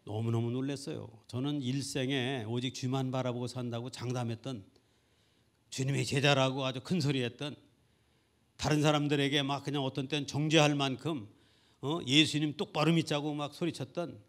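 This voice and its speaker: A middle-aged male pastor preaching a sermon at a Sunday church service, telling a personal story earnestly and building to loud, fervent peaks. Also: medium pitch, steady tone, moderate pace.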